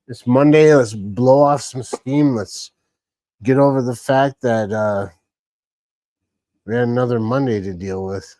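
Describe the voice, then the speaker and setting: A man's voice: mid-range voice, a little mellow, dry recording. Rambling man hosting a livestream. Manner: rambling, greets chat viewers by name. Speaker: livestream host. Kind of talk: casual live-chat rambling.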